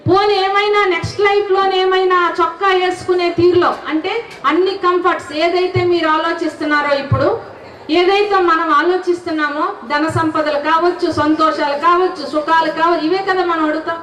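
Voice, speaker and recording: A woman's voice: extremely high pitch, steady tone, brisk, fairly bright tone. A woman giving a devotional talk to a gathering. She talks earnestly and keeps putting questions to her listeners. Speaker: spiritual speaker. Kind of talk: devotional talk with sung verses. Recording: echoey, distant, dull hall recording.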